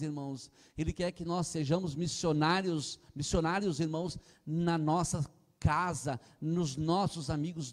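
Older Brazilian preacher in a reverberant church. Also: male voice, sits high, darkish tone. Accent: Brazilian Portuguese. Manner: impassioned preaching, often calling the congregation "irmãos", retelling anecdotes. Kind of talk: sermon. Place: church platform indoors. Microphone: handheld mic. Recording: long hall reverb.

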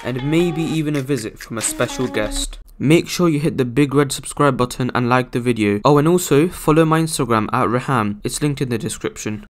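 A man's voice: mid-range voice, a little fast, hardly any pauses. A young man doing panicky Let's Play commentary, yelping and crying out at sudden scares. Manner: jumpy, panicky reactions with sudden yelps. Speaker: gaming YouTuber. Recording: music playing behind.

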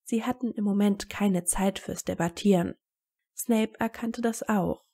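A woman reads a story aloud in steady narration. Her voice sits in the middle range. A gravelly fry colours it throughout. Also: medium pitch, a little slow. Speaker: fan fiction reader.

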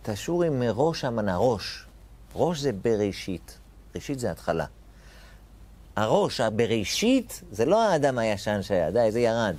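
A man's voice: medium pitch, sing-song, darkish tone. A man teaching a Torah lesson as a rabbi, posing rhetorical questions and repeating key phrases with emphatic rises on important words.

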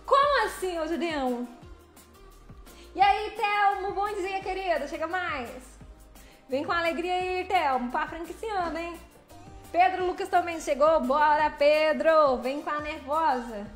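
Chatty high-voiced woman streaming from the road. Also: measured pace, reverberant, soft background music. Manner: chatty and playful, greeting viewers by name. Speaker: livestreaming truck driver. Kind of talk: casual livestream chat greeting viewers. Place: vehicle cab while driving.

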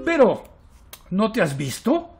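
A man voicing a bossy, scornful little square shape in a children's storybook, jeering and shouting. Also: high voice, wildly swooping pitch, slow, faint music behind, voice pushed up, exaggerated voice.

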